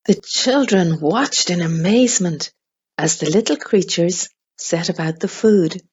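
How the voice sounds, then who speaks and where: A woman reading a children's storybook aloud, slow, clear and expressive. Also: lowish voice, dull audio.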